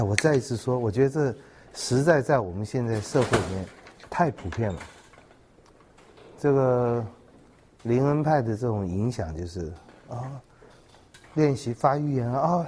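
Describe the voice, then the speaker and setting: A man giving a Bible teaching sermon, reading scripture and explaining it in a measured way, with fillers and repeated words. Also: medium pitch, animated, darkish tone, husky. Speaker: preacher.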